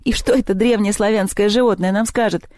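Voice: medium pitch, steady tone, fairly quick, darkish tone, dry recording, clean studio sound, pitched above the performer's own voice, lightly acted. The narrator of an audiobook voicing a nervous, pedantic schoolboy who sums things up formally.

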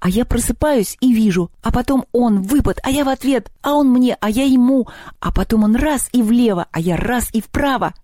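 A man voicing a fierce, loud little girl who shouts and chatters breathlessly in a storybook reading. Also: normal speed, no echo, studio quality. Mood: excited. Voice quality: shrill, shouting.

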